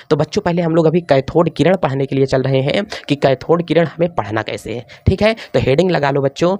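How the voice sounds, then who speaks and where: Chatty Hindi-accented teacher, dry close sound. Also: male voice, fairly high pitch, a little mellow, no echo. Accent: Hindi, north Indian. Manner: chatty, repeats questions to students, coaxing. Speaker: chemistry teacher. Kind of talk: classroom lecture at a board.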